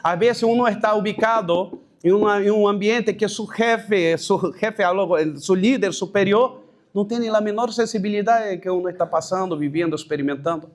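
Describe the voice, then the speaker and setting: Addressing a gathering of church leaders, a pastor shares his personal testimony in Spanish colored by a Brazilian Portuguese accent. His voice is noticeably high, and he stops, starts over, and mixes in Portuguese words as he goes.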